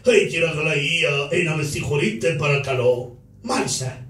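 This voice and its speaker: A man voicing a sly, overly polite foreign merchant in a shadow puppet play, speaking in halting, broken phrases full of "eh". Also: fairly high pitch, a bit bright, distant mic, close to an everyday voice. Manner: halting, broken speech with many "eh" fillers. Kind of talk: Greek shadow puppet theatre. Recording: roomy live stage from afar.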